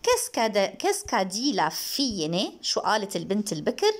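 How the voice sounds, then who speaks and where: Lively woman teacher. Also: medium pitch. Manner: slow, repeated dictation of French lines followed by quick Arabic glosses. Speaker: language teacher. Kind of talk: bilingual lesson explaining a text.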